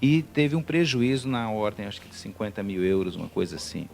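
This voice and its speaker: A man's voice: fairly low pitch, lively intonation, brisk, creaky, a little mellow, soft background music. A middle-aged Brazilian man, a teacher, speaking as a guest in a TV interview, hesitant with many fillers and restarts. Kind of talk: TV studio interview.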